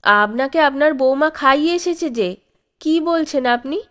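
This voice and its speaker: A woman voicing a mild-mannered father in his fifties who soothes his old father and tries to calm his wife. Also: extremely high pitch, unhurried, voice pushed up, full character voice. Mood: placating. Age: 50s. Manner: mild, placating. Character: gentle fifty-year-old father, soothing and pleading.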